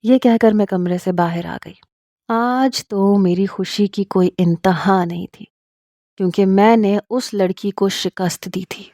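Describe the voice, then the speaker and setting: A woman narrating a first-person story in a steady, confiding way. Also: mid-range voice, dry recording, studio quality.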